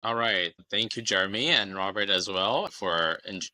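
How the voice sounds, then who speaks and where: A man's voice: lowish voice, normal speed, bright, forceful tone, dry recording. A man from Ethiopia, a psychiatrist guest, speaking thoughtfully and often asking "right?". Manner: thoughtful, frequent "you know" and "right?". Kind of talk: casual interview talk.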